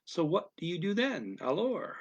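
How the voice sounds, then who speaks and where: A man teaching a language lesson, reading each phrase and then its translation in a deliberate, soft manner that drops near a whisper at times. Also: high voice, wildly swooping pitch, husky, dry recording, dull audio. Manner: deliberate, alternates each English phrase with its French version.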